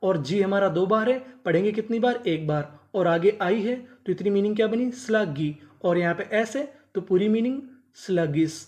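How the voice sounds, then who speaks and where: Woman teacher for a spoken vocabulary lesson: breaks words into letter chunks and drills them with her own questions and slow repeats. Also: mid-range voice, darkish tone. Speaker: English teacher.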